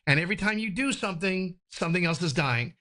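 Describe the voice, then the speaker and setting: A man's voice: high-pitched, expressive, fast talker, pushed and bright, slight background noise. A man from New Jersey, a podcast guest talking candidly in a loose, rambling way, swearing freely. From New Jersey, United States. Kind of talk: candid conversational interview.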